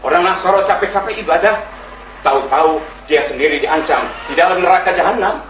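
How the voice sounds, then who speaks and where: A man's voice: high voice, a little fast, fairly bright tone, reverberant, recorded from a distance, a little hiss or hum, rough recording. A man making an impassioned religious debate argument, reciting verses and acting out pleading voices. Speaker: debate speaker.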